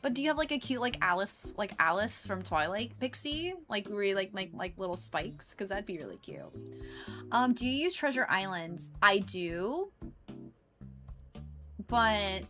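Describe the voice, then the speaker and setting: A woman's voice: mid-range voice, lively intonation, measured pace, sharp tone, faint music behind. An American woman chatting casually to viewers on a game livestream, rambling playfully from one remark to the next. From United States. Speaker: live game streamer.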